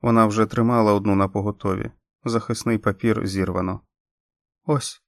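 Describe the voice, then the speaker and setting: A man narrating an audiobook in a steady, measured reading. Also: on the low side, vocal fry, dry recording. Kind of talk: scripted narration.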